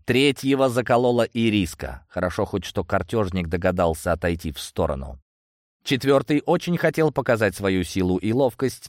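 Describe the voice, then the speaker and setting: Man, audiobook narration, low lively voice, dry close sound. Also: no room sound. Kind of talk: first-person audiobook narration.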